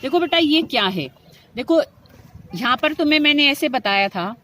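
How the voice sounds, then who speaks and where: High-voiced woman teaching chemistry. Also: expressive, normal speed, a bit bright. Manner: addresses students affectionately, asks and answers her own questions. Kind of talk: classroom lecture.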